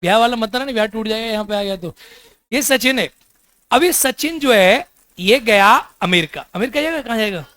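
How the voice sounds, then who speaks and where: A man's voice: high voice, animated, fairly quick, a bit bright. Joking classroom teacher quizzing his students. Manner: quizzes the class with repeated questions, teasing and joking. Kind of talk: classroom lecture.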